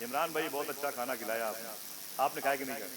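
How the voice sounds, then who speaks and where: A man's voice: medium pitch, quick pace. A man telling a devotional story in a sermon, emotive and calling on the crowd to respond. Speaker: religious orator. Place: gathering. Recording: noisy live event recording.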